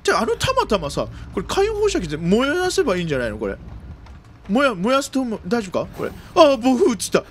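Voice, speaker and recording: Very high-pitched, excitable male gamer. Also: slight background noise. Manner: jumpy, rapid repeated exclamations, old-man style turns of phrase. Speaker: video game streamer. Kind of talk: excitable let's-play commentary of a horror game.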